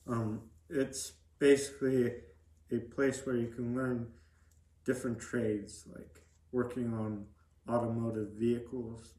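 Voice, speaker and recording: A young man gives plain, halting answers as a podcast guest in a casual interview. His mid-range pitch stays quite flat, and the room sounds echoey.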